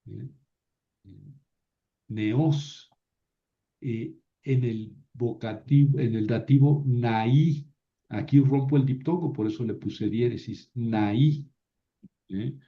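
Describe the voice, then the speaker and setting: A man gives a slow, deliberate grammar lecture, pausing on fillers and asking his students to confirm each step. His voice sits at a middle pitch. The recording is somewhat muffled and lo-fi. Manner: patient, halting explanation with many fillers and tag questions. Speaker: teacher. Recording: slightly dull, lo-fi sound.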